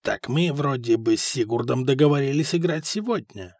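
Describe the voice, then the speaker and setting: A man's voice: mid-range voice, animated, normal speed, a little mellow, no echo, studio quality. A man doing a guarded, scheming dice cheat. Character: cunning grown male dice cheat, tense.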